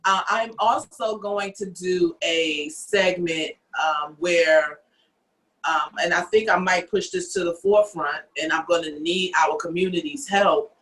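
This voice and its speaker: This podcast host from the United States talks through her opinions with earnest emphasis in a relaxed discussion. Her voice is lowish and slightly bright, with a steady tone and measured pace, though the recording is rough.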